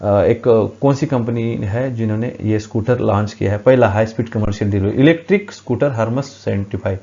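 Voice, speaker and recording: A man's voice: lowish voice, a little fast, vocal fry, mellow, dull audio. A man teaching a current affairs lesson for exam preparation, reading quiz questions and explaining the answers at a board with frequent hesitations.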